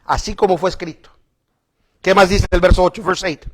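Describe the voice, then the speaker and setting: Man, bishop preaching, bilingual sermon, high-pitched, animated. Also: fairly quick. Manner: switches between Spanish and English, animated with laughs.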